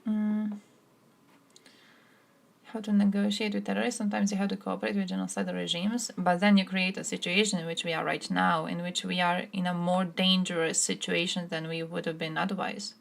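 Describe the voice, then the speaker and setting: A woman's voice: lowish voice, little pitch movement, brisk, gravelly. A woman from Croatia streaming live, giving blunt, sarcastic political commentary and answering chat, swearing freely.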